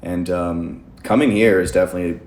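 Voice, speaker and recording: Young guy hosting a podcast, low voice, roomy echo, rambling on. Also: fairly even intonation, a little fast, a little mellow. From United States. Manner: chatty, rambling opinions. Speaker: podcast host. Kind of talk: casual conversation. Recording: echoey room, faint noise.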